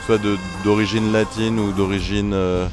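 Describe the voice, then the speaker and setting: Faint music sits behind this casual interview with a young man who plays trombone and leads a band. His voice is on the low side with little pitch movement and normal speed, and he stumbles through many hesitant fillers and restarts.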